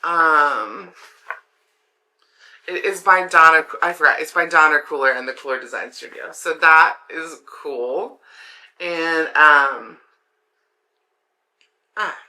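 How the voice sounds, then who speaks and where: Bright, swollen-throated woman chatting. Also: low-pitched, takes it slowly, pauses often. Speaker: craft video host. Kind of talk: casual chatty haul vlog.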